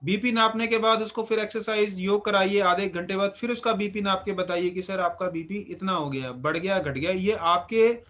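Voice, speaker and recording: A man's voice: sits high, fairly bright tone. A man teaching an acupuncture class, instructive and repeating phrases for emphasis. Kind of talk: live class lecture.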